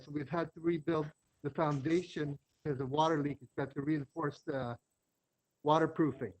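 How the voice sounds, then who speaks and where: A man giving a halting, hesitant public comment at a hearing, heard faintly over a phone on speakerphone. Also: fairly high pitch. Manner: hesitant, halting with many fillers and restarts. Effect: heard over a phone line, faint and distant. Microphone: phone on speakerphone, away from the mouth.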